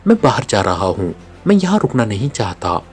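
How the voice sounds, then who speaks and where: A man voicing a nervous, jumpy male henchman in an audiobook, shouting in panic. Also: fairly low pitch, sing-song, a little fast, breathy edge, faint music behind, pitched below the performer's own voice. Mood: sulky.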